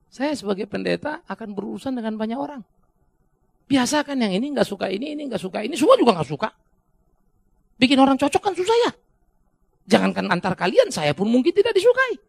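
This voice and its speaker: Male preacher, raspy husky tone, lively swooping delivery, dry close sound. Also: high-pitched, dry recording. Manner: conversational, animated preaching with humor. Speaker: pastor. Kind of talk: sermon.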